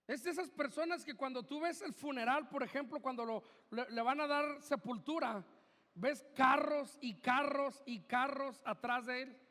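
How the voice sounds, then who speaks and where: A man's voice: very high voice, normal speed, sharp tone, slight background noise. A man with a Mexican Spanish accent, preaching a sermon as pastor in a church, conversational and joking with the congregation. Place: church hall. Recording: reverberant hall.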